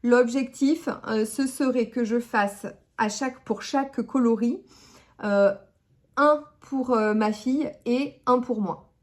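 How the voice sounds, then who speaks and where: A woman's voice: on the high side, slow, a little mellow. A woman hosting a knitting podcast, chatting casually to her camera, hesitant, full of fillers and self-corrections, and chuckling at herself. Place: at home, in front of her camera.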